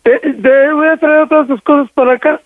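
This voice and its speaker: Stern deep-voiced Mexican mother on the phone. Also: steady tone, moderate pace. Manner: stern, insistent, scolding. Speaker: prank call target, mother. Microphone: telephone. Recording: tinny phone line.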